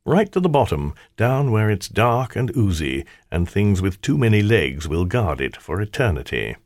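A man's voice: on the low side, big pitch swings, normal speed, dry recording, studio quality. A man voicing a cocky male trickster spirit who taunts with a theatrical, mocking delivery. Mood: taunting.

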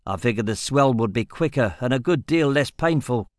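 A man's voice: mid-range voice, animated, normal speed, no echo, clean studio sound, lightly acted. A man voicing a coarse, scornful male convict who talks crudely.

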